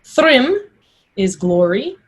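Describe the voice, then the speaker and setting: A husky-voiced woman teaching Old English pronunciation, reciting the old words and explaining them informally one by one. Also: fairly high pitch, very animated, extremely slow.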